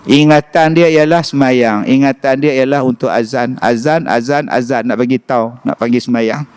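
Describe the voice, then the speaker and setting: A man's voice: mid-range voice, moderate pace, clear, resonant tone. A man with a northern Malaysian Malay accent, giving a humorous lecture in a mosque and acting out the voices in his stories. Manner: animated storytelling, acts out voices. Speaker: preacher.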